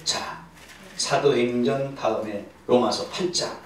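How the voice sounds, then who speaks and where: Emphatic pastor preaching in an echoey church. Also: male voice, medium pitch, takes it slowly, a little hiss or hum. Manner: emphatic, repeats key words, prompts the congregation. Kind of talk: Bible seminar sermon with call-and-response. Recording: distant echoey church recording.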